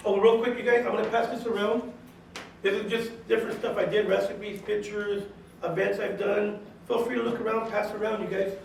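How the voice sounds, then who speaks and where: A man in his forties with a fairly high, gravelly voice gives a casual, chatty talk to a high school class, speaking directly and often saying "you know". He is recorded from across a very echoey classroom with a faint hiss behind him. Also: darkish tone, recorded from a distance. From California, USA. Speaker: guest speaker, chef and caterer.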